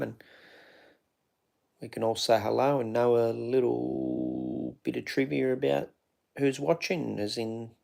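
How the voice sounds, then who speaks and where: Casual live-stream host, man, gravelly voice, rambles and greets his chat. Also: mid-range voice, darkish tone. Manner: rambling, greets viewers by name.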